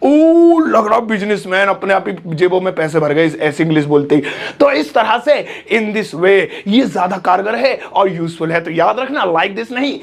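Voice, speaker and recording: Jokey guy teaching english, high gravelly voice, stretches out the example phrases. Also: animated. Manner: playful, jokey, drawls example phrases slowly. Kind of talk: Hindi-language English lesson.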